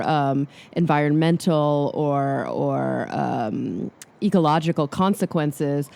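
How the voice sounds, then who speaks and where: A Los Angeles podcast host with a low-pitched, warm voice poses long, carefully worded interview questions in a friendly manner.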